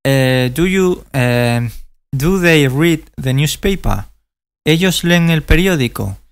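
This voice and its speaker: A man teaching English grammar in a recorded video lesson, explaining slowly and carefully with frequent fillers, a native Spanish speaker. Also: a little high, animated.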